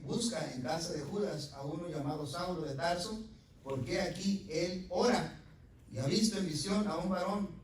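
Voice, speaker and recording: A male pastor preaching a sermon in a church, swinging from loud emphatic passages to quiet asides and asking the congregation direct questions. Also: on the high side, recorded from a distance. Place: church sanctuary. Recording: very echoey church hall, mic from afar, faint noise.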